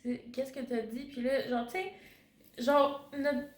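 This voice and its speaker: A young student teacher with a Québécois French accent talks in a casual, reflective way, hesitating and often searching for her words. Her voice sits high and steady, and she takes things slowly, with a roomy echo around her.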